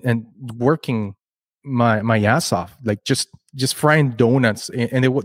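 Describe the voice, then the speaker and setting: A man's voice: mid-range voice, dry recording, studio quality. Man telling his story. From Chile. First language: Spanish. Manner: earnest, rambling, often restarts words. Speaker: podcast guest, entrepreneur. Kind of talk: casual interview storytelling.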